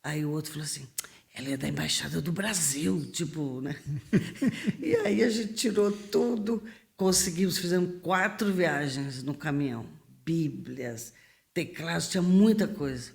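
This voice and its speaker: Woman, middle-aged, from Brazil, missionary guest, animated storyteller, acts out voices, laughs a lot. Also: low voice, measured pace. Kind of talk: lively storytelling in a podcast interview.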